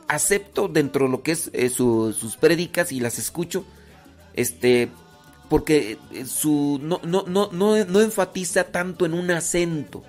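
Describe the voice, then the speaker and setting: A Mexican man with a rural ranchero accent hosts a radio show and talks to his listeners. His voice sits a little high for a man, and he rambles, stalling on fillers and starting over. Soft music plays faintly behind him. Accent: Mexican, rural ranchero speech. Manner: rambling, with many fillers and restarts. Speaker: radio host. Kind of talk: casual radio talk to listeners.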